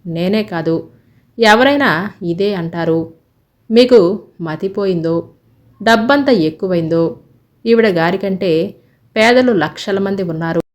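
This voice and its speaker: A woman voicing an arrogant, sharp-tongued young woman who speaks scornfully, in a narrated story. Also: mid-range voice, animated, a little slow, pauses often, close to an everyday voice. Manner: scornful, cutting.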